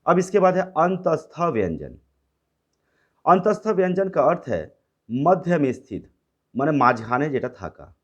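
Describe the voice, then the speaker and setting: Man teaching a grammar lesson, lively pitch. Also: muffled recording. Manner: explains by repeating, switching to English and Bengali words.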